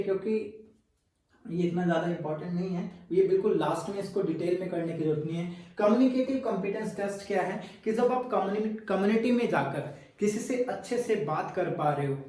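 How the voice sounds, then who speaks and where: A man's voice: high voice, dark tone, recorded from a distance. A male teacher giving a recorded exam-prep lecture, explaining step by step and answering his own questions as he goes. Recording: very echoey room, voice from afar.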